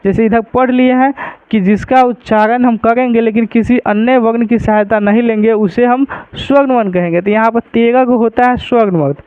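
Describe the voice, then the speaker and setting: A man's voice: very high voice, fairly even intonation, normal speed, a little mellow, smooth, no echo, dull audio. A man teaching a grammar lesson to students, repeating points and asking rhetorical questions to check they follow.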